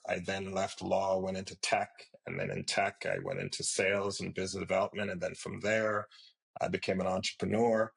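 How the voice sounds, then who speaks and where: A middle-aged man from Jamaica, a company founder giving a podcast interview. He speaks in a measured, reflective way, with frequent fillers. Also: low-pitched, vocal fry, poor audio.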